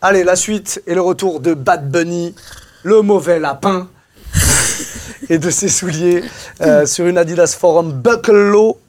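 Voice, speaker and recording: A man's voice: high voice, measured pace. A man hosting a casual panel chat, playful and teasing as he runs the segments. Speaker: podcast host.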